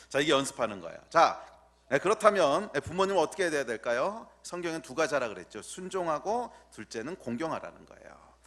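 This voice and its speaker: Pastor guy preaching, voice goes way up and down, keeps quizzing the kids and repeating words. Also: mid-range voice. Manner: animated, teasing, quizzing children in the pews; repeats key words slowly for emphasis. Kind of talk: sermon.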